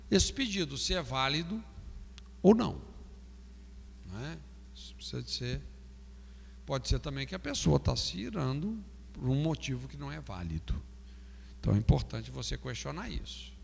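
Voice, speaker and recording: A man's voice: on the high side, lively intonation, normal speed, vocal fry, pauses often, a bit bright, slightly rough, long reverb tail. A Brazilian man teaching a pastoral counseling class, asking "não é?" often and acting out example phrases. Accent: Brazilian Portuguese. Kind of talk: classroom lecture.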